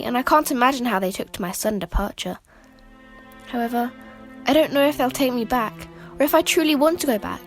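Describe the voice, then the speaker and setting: A woman's voice: a little high, natural voice. An anxious young runaway woman reads her diary aloud in a wistful, confiding way, played by a woman. Faint music sits under her voice in this radio play. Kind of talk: amateur radio play acting. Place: home, recorded alone.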